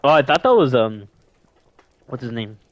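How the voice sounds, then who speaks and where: A man's voice: medium pitch, sing-song, moderate pace, dull audio. A young man co-hosting a podcast, chatting in an easygoing, rambling, self-deprecating way. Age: young adult. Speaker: podcast co-host. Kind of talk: casual chat.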